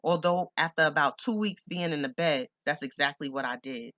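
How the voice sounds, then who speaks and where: A man's voice: fairly high pitch, moderate pace, sharp tone, no echo. A man reading a first-person memoir audiobook in a blunt, streetwise, profane way. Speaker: audiobook narrator.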